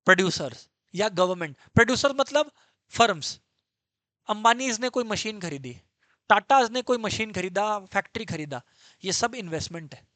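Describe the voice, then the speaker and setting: A man's voice: high-pitched, expressive, moderate pace, pushed and bright, dry recording. A man teaching an exam-prep lecture, emphatic and drilling terms over and over. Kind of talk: online lecture.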